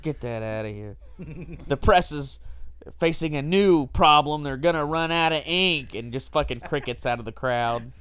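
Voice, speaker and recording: A man co-hosting a casual podcast chat, wry and quick to interject, laughing often. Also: on the high side, a bit bright, clear, resonant tone. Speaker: podcast co-host.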